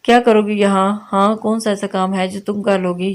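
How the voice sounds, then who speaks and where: Cold angry young boss, voiced by a woman narrator, flat and stern. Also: mid-range voice, moderate pace, lightly acted. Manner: cold, commanding.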